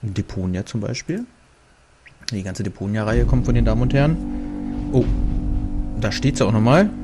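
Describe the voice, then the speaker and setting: A man from Germany with a fairly low voice hosts a let's play, talking at normal speed as he works through the game's menus. He's chatty and rambling, breaking off with fillers, with game music in the background.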